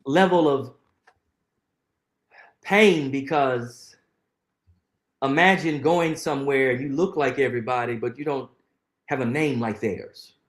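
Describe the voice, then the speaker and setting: A middle-aged man appears as a guest on an interview show, telling reflective stories in conversation with earnest emphasis and often repeating phrases for weight. His medium-pitched voice moves slowly with frequent pauses, and the sound is reverberant.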